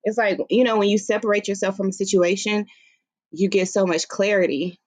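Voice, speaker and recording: A woman's voice: medium pitch, steady tone, fairly quick, darkish tone. A woman with a Southern US accent chatting casually and playfully on an informal livestream, recorded through a laptop's built-in microphone. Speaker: livestream host and author. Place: room at home, seated on beanbag. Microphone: laptop's built-in mic, no plugged-in microphone.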